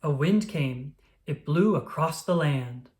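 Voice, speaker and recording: This narrator delivers a children's story in a scripted, expressive read-aloud manner, speaking slowly at a medium pitch.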